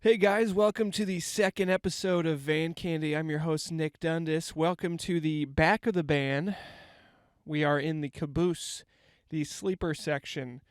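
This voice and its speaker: Congested young male podcast host, a little high and smooth, rambling and self-deprecating. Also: steady tone, measured pace, dry recording. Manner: rambling, self-mocking jokes. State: stuffy, congested from a cold. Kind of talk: casual comedic monologue. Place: inside a parked van. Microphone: handheld microphone.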